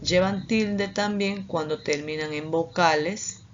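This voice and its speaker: A woman with a Peruvian Spanish accent, giving a deliberate online grammar lesson over slides, pausing on fillers as she explains. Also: on the low side, lo-fi sound, slight background noise. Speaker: teacher. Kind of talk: slow online lecture with slides.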